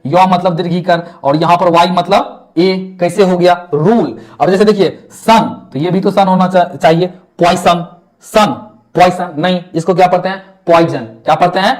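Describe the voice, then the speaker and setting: A young man with a Bihari Hindi accent gives a classroom lecture on English vocabulary, asking questions, answering them himself, and repeating words. His voice sits high with a steady, darkish tone at normal speed.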